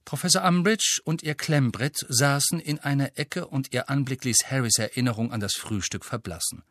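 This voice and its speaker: A man narrating an audiobook in an expressive, measured storytelling manner. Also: mid-range voice, no room sound. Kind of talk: scripted narration.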